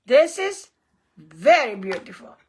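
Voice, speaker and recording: A woman's voice: high voice, big pitch swings, takes it slowly, a little hiss or hum. A woman with a Greek accent leading a hands-on recipe demonstration as a cooking host, encouraging and emphatic, often repeating her phrases.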